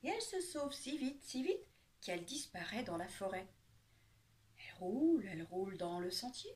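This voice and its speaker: A woman reading a children's picture book aloud with lively, expressive storytelling. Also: mid-range voice, normal speed.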